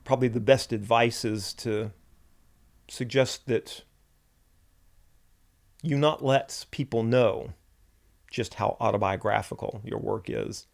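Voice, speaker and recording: A man's voice: mid-range voice, fairly even intonation, slow, vocal fry, pauses often. A man, a writer, delivering a reflective spoken essay in a musing, wry and self-deprecating way.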